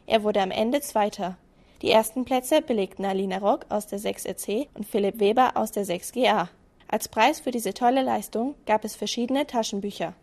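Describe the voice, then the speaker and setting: A woman's voice: medium pitch, normal speed, darkish tone. A woman presenting school radio announcements in an upbeat scripted read.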